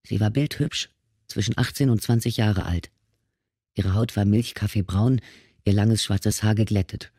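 A man narrating an audiobook in a steady, measured reading. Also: on the low side, dry recording, clean studio sound. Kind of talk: scripted narration.

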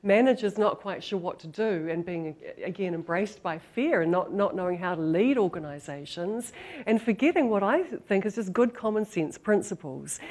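A woman's voice: mid-range voice, darkish tone. A middle-aged woman with a New Zealand accent gives a live talk as a marketing professor, conversational and repeating words for emphasis. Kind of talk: live presentation to an audience. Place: indoor lecture room, standing.

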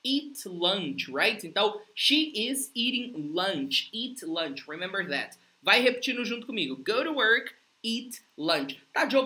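A bright, energetic woman with a Brazilian Portuguese accent runs a live English lesson. Her voice sits a little high and she coaxes her viewers along, slowing right down to drill each phrase again and again. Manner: upbeat, coaxing, repeats phrases slowly for drills. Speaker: English teacher. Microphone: livestream setup.

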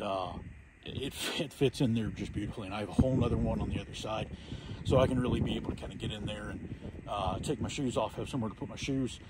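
A man in his thirties talking casually to the camera outdoors at a campsite, relaxed and rambling with lots of fillers. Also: on the low side, very noisy. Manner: relaxed, rambling, many "uh"s and restarts. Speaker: outdoor vlogger. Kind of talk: casual gear talk to camera. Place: outdoors by a frozen lake, windy campsite.

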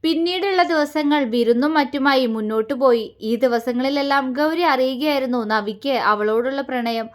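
A woman storyteller reading a romantic serial story aloud in a calm, steady voice. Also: high voice, moderate pace, hardly any pauses. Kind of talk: scripted story narration.

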